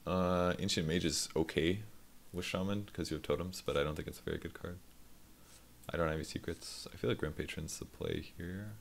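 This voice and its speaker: A man's voice: low-pitched, steady tone, a little fast, creaky, a little hiss or hum. A man casually commenting on his own card game play as a streamer, self-deprecating and swearing freely.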